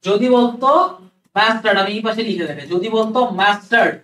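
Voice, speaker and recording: A man's voice: high voice, fast talker, sharp tone. A young man giving a classroom lecture on word meanings, explaining step by step and often repeating key words. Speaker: English vocabulary teacher. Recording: roomy echo, voice from a distance.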